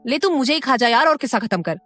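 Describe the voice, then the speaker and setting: A woman voicing a sharp-tongued, quick-tempered young student in an audio story. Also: on the high side, animated, soft background music, voice pushed up. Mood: snapping. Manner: snappy, blunt.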